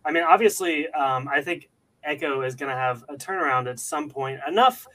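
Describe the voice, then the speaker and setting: A man's voice: fairly high pitch, normal speed, bright, forceful tone, rough recording. A man hosting a podcast, chatting casually about a TV series with plenty of fillers and restarts.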